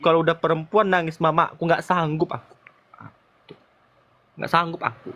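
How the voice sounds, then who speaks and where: A man's voice: fairly high pitch, level tone, normal speed, a bit bright. Tearful young man. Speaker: guest. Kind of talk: livestream talk.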